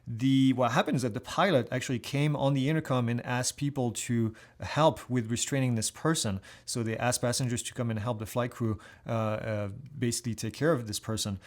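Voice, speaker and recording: A man presents a weekly aviation news roundup in a loose, conversational way. He restarts his sentences and fills the gaps with "uh," and his pitch sits in an ordinary middle range. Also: fairly even intonation, fairly quick, hardly any pauses. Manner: casual, conversational, with many fillers and restarts.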